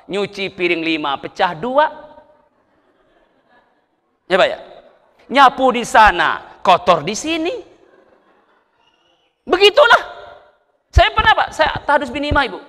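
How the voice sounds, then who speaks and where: A middle-aged man preaching a sermon to a mosque congregation, animated and often turning to his listeners for agreement. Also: sits high. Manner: animated, keeps checking in with the congregation. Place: mosque hall. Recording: echoey mosque hall with long reverb.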